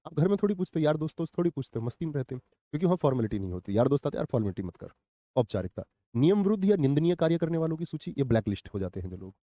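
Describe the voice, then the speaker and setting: A man's voice: on the high side, very animated, racing, dark tone, no echo, highs cut off. A man teaching a live online grammar class who asks the viewers questions and repeats the answers.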